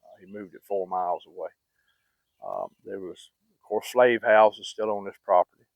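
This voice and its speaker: A middle-aged hunting-story channel host with a low voice speaks at normal speed, his casual storytelling meandering with fillers and restarts in a folksy style. It's a dry recording with a phone-like quality.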